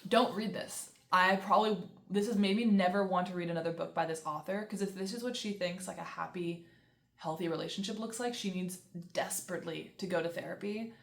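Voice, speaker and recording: A woman's voice: lowish voice, fairly even intonation, vocal fry. A young woman vlogging a casual book review, ranting in an exasperated way with lots of fillers. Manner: exasperated, fast, with many fillers and sarcastic quoted asides. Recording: echoey room.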